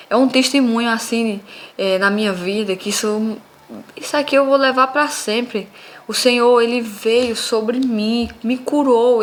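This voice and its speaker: A young woman, telling a personal faith testimony in an earnest, conversational way and speaking straight to her listeners. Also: fairly high pitch. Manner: earnest, addresses listeners as "minha gente".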